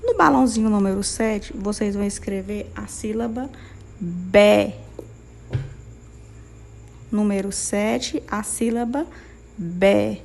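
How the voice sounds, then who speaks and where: A young adult woman with a Brazilian accent, a primary school teacher dictating syllables slowly and patiently to small children, in a sing-song way that checks in often. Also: mid-range voice, vocal fry, darkish tone. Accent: Brazilian Portuguese.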